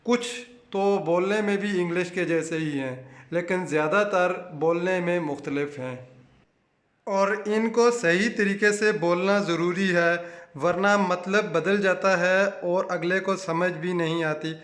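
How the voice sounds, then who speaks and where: A man with a Pakistani Urdu accent narrating a language lesson in a measured, explanatory way. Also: high-pitched, fairly bright tone, echoey room. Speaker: language teacher.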